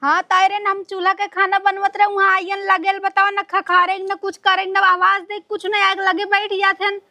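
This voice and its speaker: A woman's voice: extremely high pitch, completely flat delivery, moderate pace, bright, forceful tone. A woman with an Awadhi accent playing a complaining young daughter-in-law in a village comedy sketch. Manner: complaining, exasperated.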